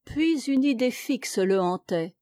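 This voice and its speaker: A woman reads a classic novel aloud, her storytelling measured and even. Her voice is fairly high yet warm and mellow. The recording is close and dry, with no room sound. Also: no room sound. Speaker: audiobook narrator. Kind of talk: scripted narration of a classic novel.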